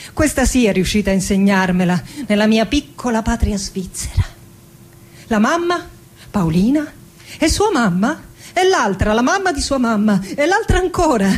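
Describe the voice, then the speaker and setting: An actress delivers a slow, deliberate theatrical monologue as a melancholic middle-aged poet recalling her family, with dramatic pauses. Her voice is on the high side, and the mood is nostalgic and tender.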